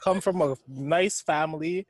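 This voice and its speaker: A man's voice: on the high side, measured pace, no room sound. A young man in casual banter with friends, teasing and laughing a lot, full of slang.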